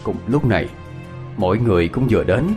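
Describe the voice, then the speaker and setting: A man narrating a first-person horror story in a tense, dramatic manner, slowing for suspense. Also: lowish voice, animated, a little mellow, faint music behind.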